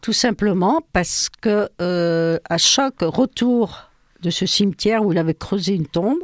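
An older woman living in France, Ukrainian by first language, gives personal testimony as an interview guest. Her unhurried mid-range voice is hesitant and packed with fillers as she tells her story, in clean studio sound with no room sound.

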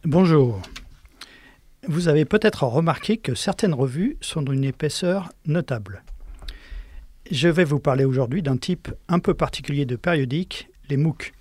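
Man with a fairly high voice explaining periodicals. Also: animated, normal speed, a little mellow, dry recording. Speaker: librarian presenting periodicals. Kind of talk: scripted presentation.

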